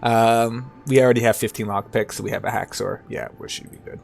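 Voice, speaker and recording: A man's voice: medium pitch, fairly even intonation, a little fast, creaky. A man giving casual let's play commentary as he plays and narrates a game.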